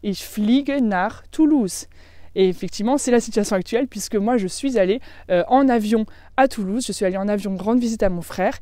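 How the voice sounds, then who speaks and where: A woman with a French accent runs a casual online German lesson, chatting freely and slowing right down to spell out each German phrase. Her voice is mellow and relaxed, and it is recorded close on a dry mic with no room sound. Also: mid-range voice, no room sound. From France. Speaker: German language teacher.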